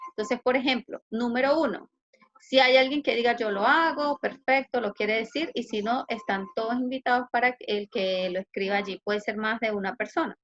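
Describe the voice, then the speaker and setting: Chilean woman teacher, patient online lesson, highish voice, muffled video-call audio. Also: moderate pace, a bit bright. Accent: Chilean Spanish. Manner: patient, explanatory, asks students questions. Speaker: English teacher.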